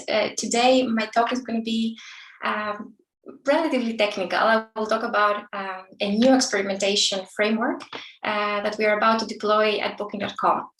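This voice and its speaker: A woman's voice: mid-range voice, fairly even intonation, brisk, a bit bright. A woman in her thirties from Greece, giving a friendly technical talk over a video call, with frequent fillers and restarts. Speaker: conference speaker. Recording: roomy and distant from the mic.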